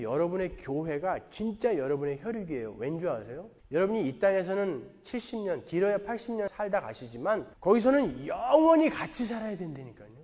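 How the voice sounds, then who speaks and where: A man's voice: high voice, slightly rough. A pastor giving a sermon, telling a story with jokes and stressing his points. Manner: animated storytelling with a joking, emphatic delivery. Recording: dull lo-fi sound in a long-reverb church hall.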